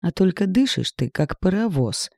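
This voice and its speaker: A man voicing a fiery, sharp-tongued young village woman in an audiobook, scolding and sarcastic with a raised voice. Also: sits high, big pitch swings, moderate pace, vocal fry, dry recording, studio quality, voice pushed up, full character voice. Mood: angry scolding. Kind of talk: audiobook character reading.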